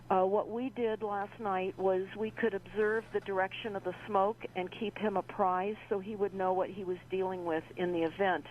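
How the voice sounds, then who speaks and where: Woman calling in over the phone. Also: mid-range voice. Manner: halting, with frequent fillers. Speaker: call-in guest. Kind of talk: casual radio call-in talk. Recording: muffled phone line with faint hiss.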